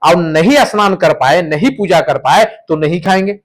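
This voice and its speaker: A man's voice: sits high, normal speed. A male teacher giving a classroom lecture, explaining points through stories and repeating the key terms.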